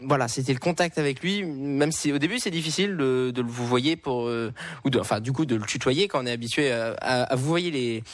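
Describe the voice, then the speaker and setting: Young man student, casual and halting. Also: medium pitch, dry recording. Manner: casual, halting, many fillers. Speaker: high school music student. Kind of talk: radio interview answer.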